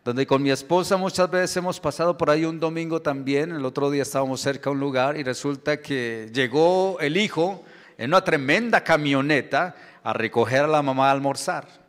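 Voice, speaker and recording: A man's voice: fairly high pitch, normal speed, fairly bright tone. A middle-aged man preaching a sermon as pastor, with emphatic delivery and rhetorical questions to the congregation. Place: church sanctuary. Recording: long church hall reverb.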